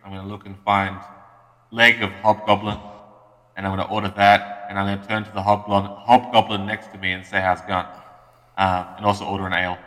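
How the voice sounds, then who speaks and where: A man's voice: on the low side, level tone, fast talker, bright, forceful tone. A man chatting casually and wryly as a player in a tabletop game. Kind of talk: casual improvised game chat. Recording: long hall-like reverb.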